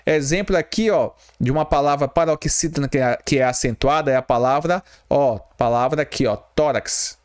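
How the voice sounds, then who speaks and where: A man teaching an exam-prep grammar lesson, often slowing down to spell out letters and checking in with a quick question. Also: a little high. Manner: spells out letters slowly, repeats "tá bom?" and "ó".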